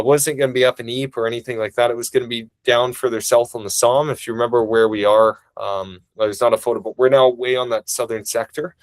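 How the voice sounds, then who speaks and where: A man presenting a family history webinar over a video call, talking quickly and casually, with frequent restarts. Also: medium pitch, no echo. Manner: talks quickly; casual, enthusiastic, many restarts.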